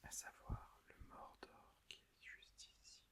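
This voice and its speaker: Female ASMR presenter, library whisper, soft and breath-only, careful explanatory delivery. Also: measured pace. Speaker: ASMR video host.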